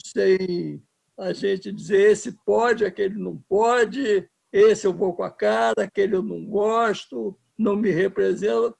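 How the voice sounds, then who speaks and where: Gravelly, husky older Brazilian man. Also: high-pitched, a little mellow. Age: 70s. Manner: impassioned, emphatic, restarts words. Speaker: interviewed filmmaker. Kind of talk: political interview.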